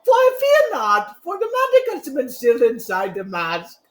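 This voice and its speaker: A man's voice: very high-pitched, huge pitch swings, moderate pace, echoey room, exaggerated voice. A man voicing an eerie, melodramatic mask salesman from a video game, reading the dialogue aloud. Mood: grand, mysterious. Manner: melodramatic, swinging from solemn to shrieking. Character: eerie, theatrical mask salesman, pleading and frantic.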